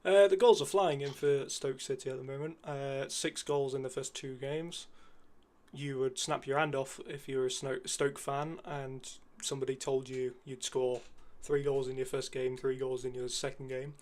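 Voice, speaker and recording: A man guesting on a casual football predictions chat, relaxed with frequent ums and uhs. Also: mid-range voice, moderate pace.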